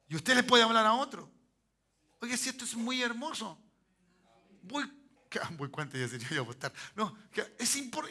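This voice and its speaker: A man's voice: very high-pitched, gravelly, pushed and bright. A man preaching a sermon as pastor, in Chilean Spanish, talking conversationally and asking the congregation to repeat after him. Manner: conversational preaching, frequent "¿me entiendes?" and call-and-response.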